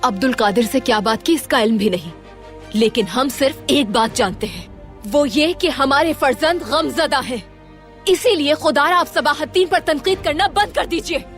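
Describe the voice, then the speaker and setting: An actress dubbing a sultana who defends her son in a measured, firm way. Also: a little high, soft background music, close to an everyday voice.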